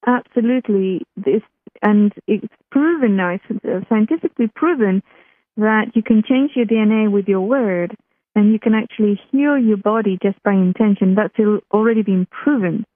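Heard on a tinny telephone line that's dry and echo-free, this woman from Chile speaks at a normal speed in a medium-pitched voice. As an interview guest she tells a personal story casually, restarting sentences often.

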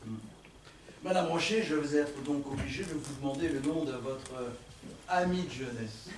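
Actor playing a sardonic stage inspector, high-ish voice, very echoey hall with audience. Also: male voice, moderate pace, far from the mic, background noise, natural voice. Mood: needling. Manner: needling, ironic questioning. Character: wry, probing male police inspector. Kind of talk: amateur stage comedy. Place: theatre stage.

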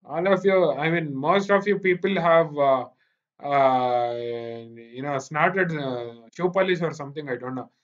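Over dull, lo-fi online meeting audio, a programming teacher with an Indian accent gives a live lecture. His voice is on the high side and a bit slow, and he repeats points while often checking that students are keeping up.

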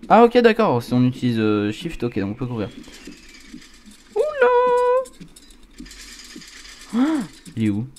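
A man's voice: medium pitch, sing-song, fast, hardly any pauses, a little mellow. Jumpy male horror game streamer, noisy background. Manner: scared, jumpy gamer reacting aloud. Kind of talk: casual horror game commentary. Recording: clear background noise.

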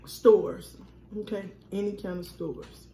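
A woman's voice: medium pitch, fairly even intonation, slow, warm tone, roomy sound. A woman vlogging from her dinner table, chatting to viewers and calling them "y'all". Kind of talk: casual chat.

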